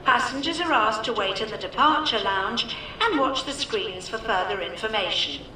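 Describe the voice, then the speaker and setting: A woman playing an airport announcer, reading formal, measured, repetitive public announcements in an echoey, distant recording. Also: fairly high pitch, animated, pushed and bright. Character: airport announcer reading flight delays and boarding calls. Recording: echoey, distant, hissy airport tannoy sound.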